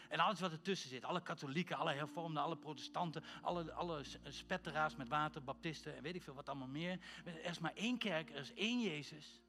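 A man preaching a sermon and praying, fervent and building to loud calls. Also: on the high side. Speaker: pastor. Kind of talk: sermon with prayer.

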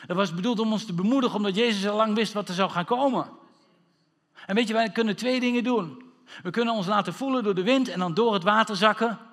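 High, lively preaching man in a reverberant hall. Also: quick pace. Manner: animated preaching with rhetorical questions and sudden shouts. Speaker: pastor. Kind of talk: sermon.

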